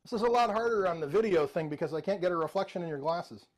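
A middle-aged man with a high-sitting, animated voice talks fast as a virtual magician and mentalist. On a video call from an indoor room lined with bookshelves, he delivers jokey, interactive mind-reading patter in showman style, calling participants by name.

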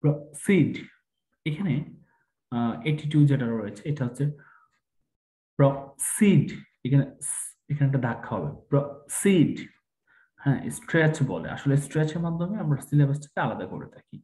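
A man's voice: medium pitch, lively intonation, quick pace, a little mellow, roomy sound, rough recording. Man drilling English pronunciation. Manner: drills each word by repeating it, mixes English into talk. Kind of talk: online pronunciation lesson.

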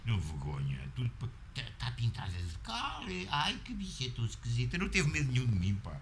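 A man's voice: medium pitch, wildly swooping pitch, brisk, slight background noise. A man talking casually at home, doting and cooing in baby talk. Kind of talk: casual home video chat.

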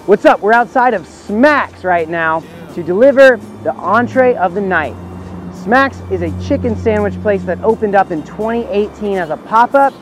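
A man's voice: sits high, lively intonation, normal speed. A man in his thirties hosting a casual food vlog, chatty and enthusiastic as he describes dishes and restaurants. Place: restaurant patios and city streets. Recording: music playing behind.

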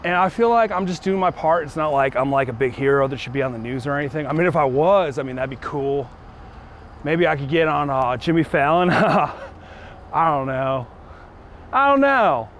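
A man playing Brody, goofy high-voiced dude. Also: animated, moderate pace, a bit bright, slight background noise. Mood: goofy, upbeat. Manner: goofy, upbeat surfer-dude rambling. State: winded. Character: Brody, laid-back male cart-returning dude. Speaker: comedic character. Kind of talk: improvised comedy sketch. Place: outdoors in a parking lot.

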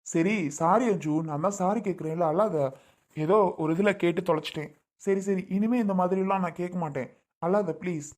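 A woman's voice: lowish voice, normal speed, darkish tone, close to an everyday voice. A woman voicing a young husband who apologizes and then defends himself, in a home-made audio drama. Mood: pleading.

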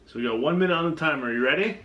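A man's voice: fairly high pitch, very fast, dull audio. Man chatting casually in an echoey room. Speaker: video host. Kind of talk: casual challenge vlog chat. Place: indoor kitchen at a counter. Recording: echoey room, background noise.

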